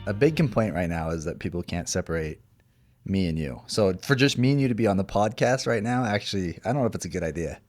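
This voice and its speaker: A man's voice: sits low, animated, fast, a little mellow, no room sound, soft background music. A man co-hosting a podcast in casual chat, joking around and laughing often. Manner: joking, laughs often, slips into put-on accents. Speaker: podcast co-host.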